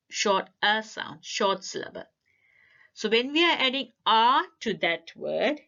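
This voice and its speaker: Slow, careful woman teaching language. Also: medium pitch, pushed and bright, dull audio. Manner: careful, deliberate word-by-word delivery. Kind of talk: slow instructional explanation.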